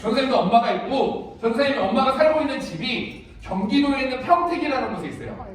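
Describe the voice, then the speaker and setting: Guy with a really high voice doing a kids sermon, keeps quizzing the kids, big echoey church hall. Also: lively intonation, quick pace. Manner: interactive, keeps quizzing the kids and calling them by name. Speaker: youth ministry pastor. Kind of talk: children's sermon at a church retreat. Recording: echoey hall, far from the mic, children's crowd.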